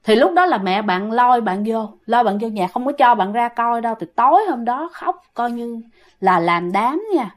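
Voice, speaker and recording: A woman's voice: on the high side, lively intonation, moderate pace. Chatty Southern Vietnamese woman storyteller. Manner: chatty, keeps addressing listeners. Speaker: ghost story teller. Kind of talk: casual storytelling.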